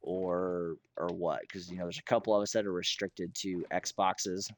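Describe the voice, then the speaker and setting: An American man with a hoarse, rough throat, chatting casually and ramblingly as he hosts a gaming livestream, often clearing his throat. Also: deep voice, little pitch movement, moderate pace. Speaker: streamer hosting a Minecraft realm.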